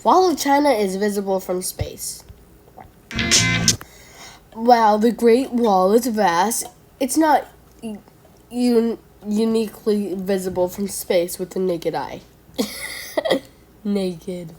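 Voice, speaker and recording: A woman's voice: mid-range voice, slow pace, long pauses, warm tone, slight background noise. A woman giving casual reaction commentary, chatty and playful, who argues with herself and trips over long words. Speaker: video creator reacting to school myths.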